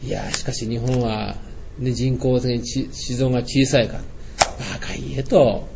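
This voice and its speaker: A man's voice: medium pitch, fairly even intonation, measured pace, creaky. An older man giving a blunt, scolding lecture-style talk. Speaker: speaker. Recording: dull lo-fi sound with faint noise.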